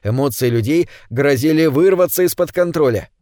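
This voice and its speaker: A male audiobook narrator with a fairly high voice and a lively, expressive delivery. The recording is close and dry, with no room sound. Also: moderate pace, no echo. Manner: expressive, animated reading. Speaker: audiobook reader. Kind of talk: scripted narration.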